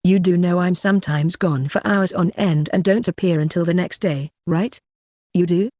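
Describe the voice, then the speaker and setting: A storybook reader voicing a composed, authoritative ancient sorceress who is also a mother, speaking calmly and instructively. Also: mid-range voice, moderate pace, no room sound, natural voice. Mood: teasing. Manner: calm, instructive.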